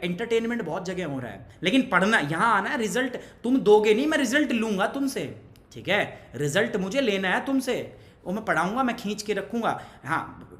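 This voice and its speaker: A man's voice: high-pitched, a bit bright, reverberant. A young man teaching an online exam-prep class, chatty and pushy, mixing Hindi with English and asking the class questions as he goes. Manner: pushy, motivational asides to students.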